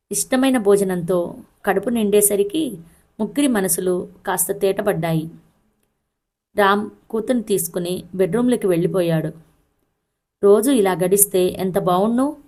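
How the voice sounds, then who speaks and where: A woman reading a family story aloud, in a steady, emotional read-aloud delivery. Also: medium pitch. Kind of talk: scripted story narration.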